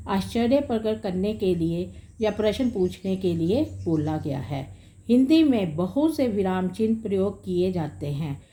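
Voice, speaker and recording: A woman's voice: medium pitch, dark tone. A woman teacher giving a grammar lesson to pupils, calling them children and dear and explaining with worked examples.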